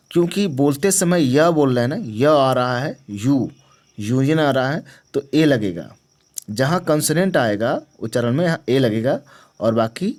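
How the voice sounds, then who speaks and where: In a slightly mellow, mid-range voice, a male teacher runs a grammar lesson for exam students. His method is to ask questions and supply the answers, repeat key terms, and check the class's understanding.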